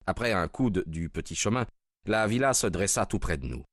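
A man narrating a story aloud in an even, measured reading voice. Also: low-pitched, dry recording, clean studio sound. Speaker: audiobook reader. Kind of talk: scripted narration.

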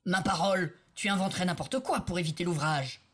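A woman voicing a brutal, scornful male village overseer who shouts at peasants, in a storybook reading. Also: on the low side, a little fast, husky. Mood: harsh yelling.

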